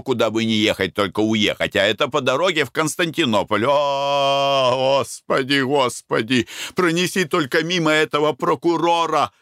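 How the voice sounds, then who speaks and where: A man voicing a panicky middle-aged husband abroad, fretful and hurried, in a storybook reading. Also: medium pitch, fairly bright tone, no room sound, clean studio sound, lightly acted.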